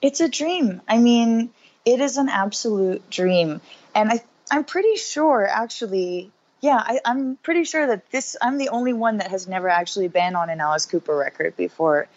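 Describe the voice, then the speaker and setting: A woman's voice: fairly high pitch, animated, normal speed, a little mellow, lo-fi sound. A woman in her thirties talking in a casual interview as a guest musician, upbeat and chatty with lots of fillers. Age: 30s.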